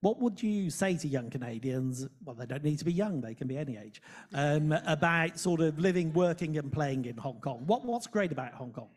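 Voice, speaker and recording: A man's voice: a little high, lively intonation, normal speed. A man moderating a conference panel, asking long, carefully framed questions with small hedges like "sort of". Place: large conference room with an audience.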